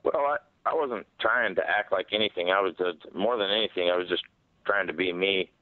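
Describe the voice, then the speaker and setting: A man's voice: sits low, brisk, no echo. A man answering interview questions as a fighter on a phone conference call, in casual, repetitive, loosely worded speech. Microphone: telephone. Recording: narrow dry telephone line.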